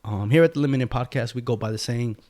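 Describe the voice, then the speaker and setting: A man's voice: mid-range voice, quick pace, background noise. A man hosting a podcast interview in a guest's home, talking in a laid-back way with lots of fillers. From Mexican heritage. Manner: laid-back, filler-heavy, says "you know" a lot. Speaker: podcast host. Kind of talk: casual interview chat.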